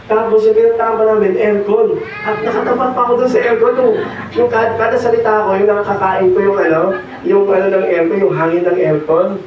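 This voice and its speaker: A hoarse young man preaching a sermon, mixing in English and pausing on fillers. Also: high-pitched, steady tone, a little hiss or hum. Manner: mixes Tagalog and English, pauses with fillers. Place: church hall. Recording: echoey hall, distant dull mic.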